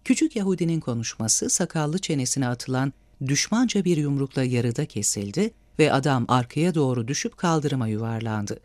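A man reading a novel aloud as an audiobook narrator, with measured, expressive storytelling. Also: mid-range voice, no echo. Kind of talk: scripted narration.

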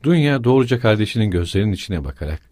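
A man narrating a novel in a measured storytelling way, voicing each figure. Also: on the low side, very animated, darkish tone, no echo, clean studio sound. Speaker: audiobook narrator. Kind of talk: literary narration.

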